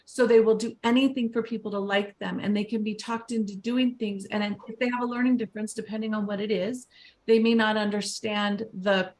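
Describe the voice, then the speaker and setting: A woman with years as a teacher speaks earnestly on a panel, pressing her points with emphasis. Her voice sits at an ordinary middle pitch. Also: fairly even intonation, a little fast, darkish tone. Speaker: teacher and education consultant. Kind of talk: panel discussion.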